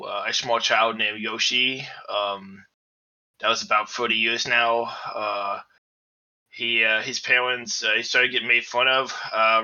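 A man voicing a gruff, distrustful adult male android teddy bear with a lisp, in a tabletop role-play, pausing often with fillers. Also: mid-range voice, bright, forceful tone, muffled recording. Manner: hesitant, many fillers. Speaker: player.

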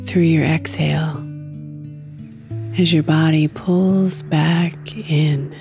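A woman guiding a meditation in a soft, soothing manner, leaving long pauses between phrases. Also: deep voice, steady tone, creaky, faint music behind. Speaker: guided meditation host. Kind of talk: guided meditation narration.

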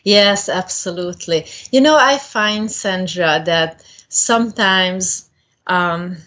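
A woman of around forty from Hungary, with a Hungarian accent, answering as an interview guest in a gentle, thoughtful way with pauses. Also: lowish voice. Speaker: guest spiritual medium.

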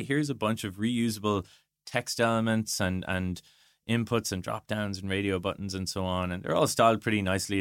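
The clean studio sound carries no room reverb around this man's low-pitched, smooth, slightly bright voice. Appearing as an interview guest, the product design director explains things conversationally and thinks out loud, adding illustrative asides.

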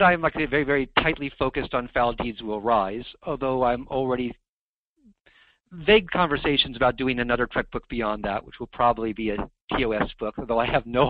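A man's voice: mid-range voice, fairly quick. A man guest author chatting in an interview over a landline phone, self-deprecating and talkative. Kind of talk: casual interview chat. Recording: muffled landline phone line.

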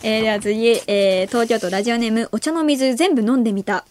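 A woman's voice: fairly high pitch, fairly quick, background noise. A woman in her late teens hosting a late-night radio show, chatting casually and reading listener mail, giggling often between remarks in a studio. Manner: chatty, playful, talks to listeners directly. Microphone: studio microphone.

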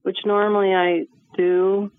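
A woman's voice: medium pitch, level tone, unhurried, no room sound, faint music behind. A woman from Connecticut calling in to a radio show over the phone, speaking hesitantly. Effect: phone line. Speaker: caller. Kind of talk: call-in radio chat. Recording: tinny dry phone line.

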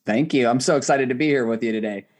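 A man chatting casually as a podcast guest, explaining things in a halting, thinking-aloud way. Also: mid-range voice. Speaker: podcast guest, author and spiritual coach. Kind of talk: casual interview chat.

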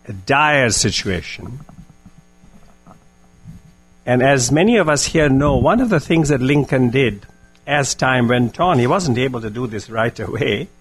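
An older man with an Indian accent speaks in a husky, mid-pitched voice. He answers questions reflectively as a guest speaker, measured and solemn, leaving long pauses between phrases. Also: low-quality recording.

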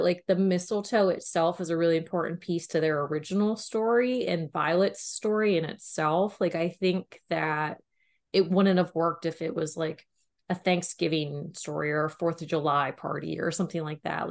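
Low and gravelly, her voice carries a chatty, animated conversation on the romance book podcast she co-hosts. The Pennsylvania native leans heavily on "like" and laughs quickly throughout.

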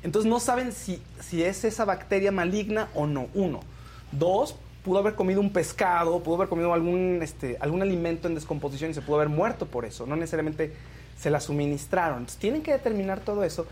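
A show co-host with a Mexican accent races through casual news commentary. The voice is mid-pitched, with a little noise behind it. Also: quick pace, a little mellow. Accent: Mexican Spanish.

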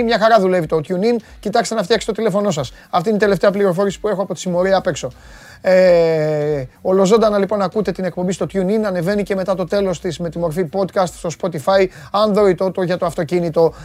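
A man hosting a live sports show, chatting casually and teasing his viewers in a loud, rough voice. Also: sits high, dry recording. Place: studio.

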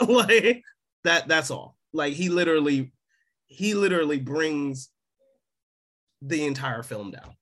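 A man's voice: fairly high pitch, a bit bright. A man co-hosting a casual podcast about films, talking emphatically and laughing often. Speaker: podcast co-host. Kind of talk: casual movie review chat.

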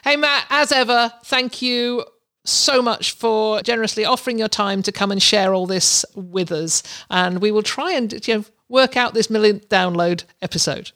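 A woman's voice: medium pitch, normal speed, fairly bright tone. A middle-aged woman hosting a podcast, chatting unscripted and effusively, speaking directly and personally to her listeners. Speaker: podcast host.

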